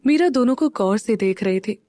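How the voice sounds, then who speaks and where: Female narrator for an audio drama, measured and warm, dry recording. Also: medium pitch, expressive, no room sound.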